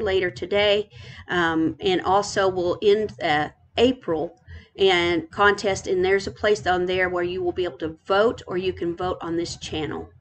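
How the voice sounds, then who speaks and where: A middle-aged woman from Texas, hosting a casual tour of a game island, gushing and repeating her praise. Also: on the low side.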